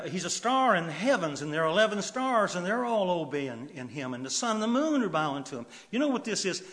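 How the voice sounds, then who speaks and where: A man preaching a sermon in an animated way, swinging from loud emphasis to quiet asides. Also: high voice. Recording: long hall reverb.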